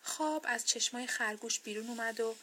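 A woman reading a children's bedtime story aloud, soft, gentle and expressive. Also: a little high, slight background noise.

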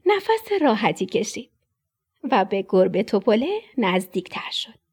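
A woman's voice: mid-range voice, breathy edge. A woman narrating a children's story expressively, dropping to a whisper at tense moments. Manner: expressive, dips into whispers for suspense.

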